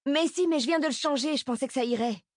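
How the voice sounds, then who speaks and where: A woman voicing an anxious, blunt teenage schoolgirl in an audiobook, raising her pitch for the girl. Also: fast talker, lightly acted. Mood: pleading. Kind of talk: audiobook character voice.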